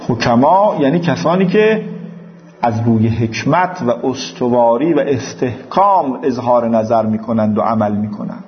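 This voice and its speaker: A man's voice: mid-range voice, expressive, lo-fi sound, slight background noise. A man with an Iranian Persian accent giving a religious lecture as a teacher, explaining scripture didactically with recited quotations and paraphrases. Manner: didactic, quoting Arabic then paraphrasing.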